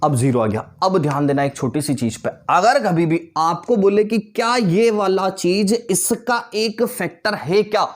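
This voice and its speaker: In an online maths class, a man in his twenties speaks at a measured pace with few pauses and a high pitch. He coaxes his learners, addressing them as "beta" and "bhaiya," keeps confirming they understand, and cracks the occasional joke.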